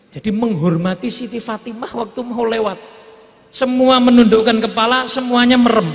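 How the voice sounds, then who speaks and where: A man with a Javanese accent preaches a story-driven sermon, slipping into Javanese as he acts out the voices in the tale. His voice sits high and carries a gravelly edge. It rings with a long reverb, as if it fills a large hall.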